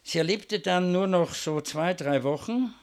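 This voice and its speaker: Gravelly man preaching a sermon. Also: sits high, a little slow. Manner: storytelling, rising to fervent emphasis. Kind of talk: sermon with closing prayer.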